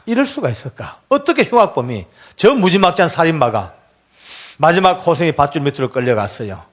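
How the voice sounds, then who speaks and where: A man, a church elder, giving an emotional testimony in sermon style and acting out the dialogue as he tells the story. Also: a little high.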